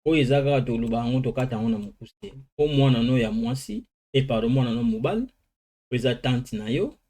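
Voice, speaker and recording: Man, Lingala speaker, beginner English lesson, slow word drilling, mellow tone. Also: mid-range voice, animated. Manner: switches between languages, slow drilling of English words. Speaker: language teacher. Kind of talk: informal vocabulary lesson.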